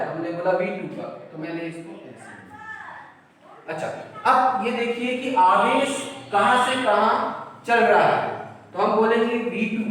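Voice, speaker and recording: A man gives a classroom physics lecture, his high voice bouncing around a large, very echoey room. He sounds far from the mic, with faint noise behind him. He keeps asking questions and answering them himself, repeating the key terms. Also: a bit bright. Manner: mixes in English words and numbers. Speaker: physics teacher.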